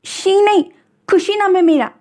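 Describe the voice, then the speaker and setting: Lady putting on a squeaky innocent little girl, chatty and sweet, storybook vibe. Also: normal speed. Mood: startled. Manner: sweet, childlike, lively. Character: innocent chatty seven-year-old girl.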